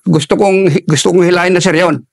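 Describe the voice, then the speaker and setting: Older veteran man, high gravelly voice, halting war story, dry close sound. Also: fairly even intonation, no echo. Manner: halting, restarts often while recalling combat. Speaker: army veteran guest. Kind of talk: war story told in an interview.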